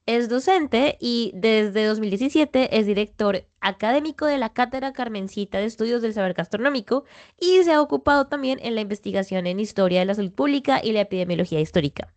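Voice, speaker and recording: A woman with a somewhat high voice hosts an academic interview. She talks in a relaxed, conversational way, with plenty of small fillers between her questions. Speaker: podcast host, interviewer.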